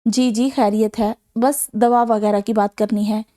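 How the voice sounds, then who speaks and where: A woman voicing a calm young man from a novel who hides his worries, patient and reassuring. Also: sits high, natural voice.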